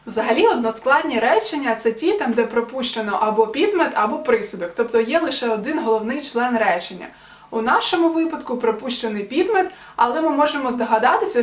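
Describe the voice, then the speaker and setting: A woman's voice: fairly high pitch, recorded from a distance. Young woman tutoring in an echoey room. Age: young adult. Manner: patient, step-by-step explanation. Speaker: tutor for exam prep. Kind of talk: explaining grammar to viewers.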